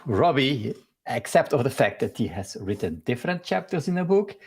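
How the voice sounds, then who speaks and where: A man with a Belgian accent hosts a live stream interview over a video call. His voice is husky and breathy. He talks in a halting, friendly way, restarting and filling his sentences. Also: mid-range voice, very animated. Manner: halting, with many fillers and restarts.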